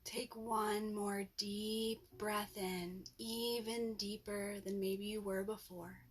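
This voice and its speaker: Leading a yoga nidra session, a woman offers calm, gentle directions and leaves long silences between them. She speaks in a mid-range, level voice with a breathy edge.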